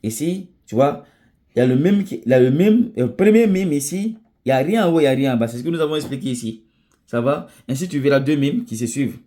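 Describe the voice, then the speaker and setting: A man's voice: medium pitch, expressive, quick pace, warm tone. A man teaching Quran recitation rules in French, in a patient classroom manner. He restates each point several times and keeps checking in with "ça va?". Arabic terms are woven through his explanation. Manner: checks in with a repeated "ça va?". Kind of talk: tajwid lesson.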